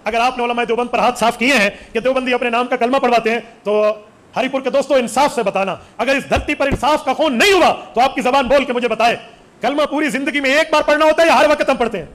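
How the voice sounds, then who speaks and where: Very high-voiced rhetorical preaching man. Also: fast talker, a bit bright. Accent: Pakistani Urdu. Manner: rhetorical, reels off lists, challenges the audience. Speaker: cleric. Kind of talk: sermon-style speech.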